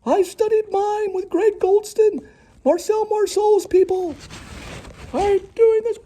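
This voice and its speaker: A man voicing a talking whale shark toy tunnel that speaks from inside the whale, in a very high, squeaky put-on voice. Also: steady tone, slow, dark tone. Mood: playful greeting. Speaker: vlogger.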